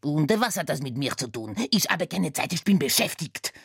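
A blustering, short-tempered older Frenchman from a children's storybook, as a woman puts him on. He snaps out his complaints in a husky voice that leaps up and down, recorded close and dry. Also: low-pitched, lively intonation, normal speed, no room sound, full character voice. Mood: grumbling. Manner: snappish, blustering, German with French slips. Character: grumpy older Frenchman, busy and snappish.

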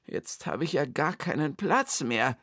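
A man's voice: medium pitch, sing-song, unhurried, dry recording, studio quality. A man voicing an indecisive, fussy grown man in a children's radio story, speaking in a hesitant, stammering, whiny way.

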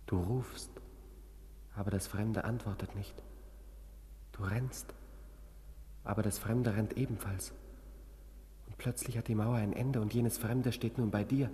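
A man's voice: fairly low pitch, steady tone, measured pace, long pauses, warm tone, lightly acted. A man as a defiant young asylum patient, reverberant. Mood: haunted. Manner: intense, bitter and sarcastic toward the doctor. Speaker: patient confined to a sanatorium. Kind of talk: German radio play acting.

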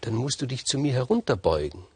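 A man's voice: mid-range voice, a little fast, breathy edge, no room sound, pitched above the performer's own voice. A man doing a thin-voiced tiny scorpion. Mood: quietly menacing. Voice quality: fine, thin voice. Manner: quiet, calm threats. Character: tiny male scorpion, cold and menacing.

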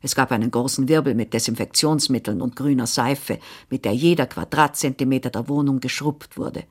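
A woman reading a literary memoir aloud in a measured, expressive first-person narration. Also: a bass voice, slightly rough. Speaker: audiobook reader.

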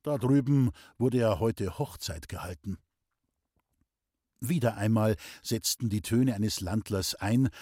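A man reading a novel aloud as an audiobook narrator, calm and even. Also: mid-range voice, slightly rough, dry recording, clean studio sound. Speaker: audiobook reader. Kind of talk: scripted narration.

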